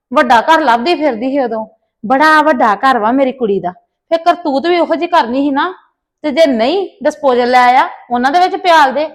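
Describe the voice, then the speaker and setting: A woman's voice: sits high, no echo. A woman playing a neighbour who scolds and taunts with sarcasm in a family drama. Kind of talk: Punjabi village family drama acting.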